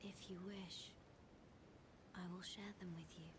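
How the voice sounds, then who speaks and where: A woman voicing a mysterious, solemn young maiden guide in a game, speaking in a breathy whispered role-play with an archaic, measured delivery. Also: steady tone, close to an everyday voice. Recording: noisy game audio with low rumble.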